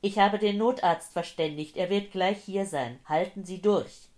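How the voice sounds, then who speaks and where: A woman voicing a frantic old man with a rough voice who shouts and pleads in an audiobook. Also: deep voice, slow pace. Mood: shouting.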